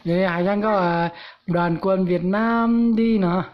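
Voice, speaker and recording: A woman prompting a child to recite, speaking in loud, coaxing questions and cues in a casual home setting. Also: medium pitch, a little slow. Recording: dull lo-fi phone video with faint hiss.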